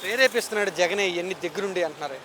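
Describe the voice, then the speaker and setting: A man's voice: high-pitched, very fast, bright, forceful tone, a little hiss or hum. A male reporter on a city street, relaying quotes to passersby to prompt their reactions. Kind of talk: vox pop interviewing.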